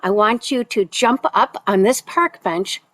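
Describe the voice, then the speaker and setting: Woman quoting a calm, commanding horse rider. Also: mid-range voice, unhurried. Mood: instructing. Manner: gives firm, patient instructions. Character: confident male horseback reenactor, calm and commanding.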